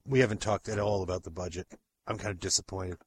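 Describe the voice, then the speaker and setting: A man's voice: low voice, fairly even intonation, quick pace, breathy edge. A man playing an exasperated, bossy radio talk show host in a comedy sketch.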